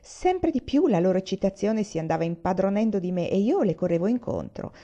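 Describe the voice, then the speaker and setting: A woman reading a literary short story aloud in a measured, expressive way, with occasional restarts. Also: medium pitch. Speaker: literary reader. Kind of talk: audiobook-style story reading. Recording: dull lo-fi recording.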